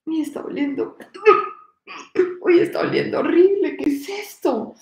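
Fussy old grandfather, put on by a woman; high, exclaiming storybook voice with room echo. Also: animated, a little slow, dark tone. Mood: whiny dismay. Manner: exaggerated, exclaiming, whiny storytelling voice. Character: fussy old grandfather, baffled by a bad smell.

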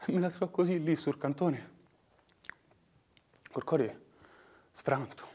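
A man acting an anguished working-class son in a dramatic monologue, with a Roman dialect accent, moving between hushed murmurs and impassioned outbursts. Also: on the high side, takes it slowly, slightly rough. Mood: broken, tense. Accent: Roman (old Romanesco dialect). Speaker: actor.

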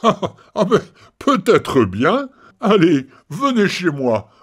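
A man voicing a good-natured middle-aged village carpenter in a storybook, with a hearty, drawn-out voice. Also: sits high, wildly swooping pitch, breathy edge, pitched above the performer's own voice, heavily acted. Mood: jovial.

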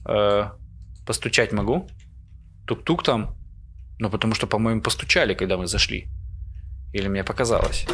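Nervous low-voiced man playing a horror game. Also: normal speed, pauses often, fairly bright tone, slight background noise. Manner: nervous, jittery, muttering to himself. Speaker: gamer, let's play host. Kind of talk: casual horror game commentary. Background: horror game ambience.

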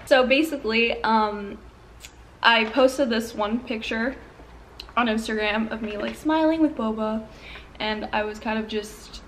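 A woman's voice: fairly high pitch, unhurried, a little hiss or hum, rough recording. A young woman filming a casual eating vlog at home, talking candidly with lots of fillers between bites. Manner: chatty, filler-heavy, candid. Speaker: YouTuber. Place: at home, indoors.

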